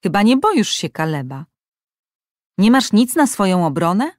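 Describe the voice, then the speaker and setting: A woman's voice: mid-range voice, sing-song, moderate pace, a little mellow, no echo, clean studio sound, natural voice. A woman voicing an earnest, concerned young man in an audiobook.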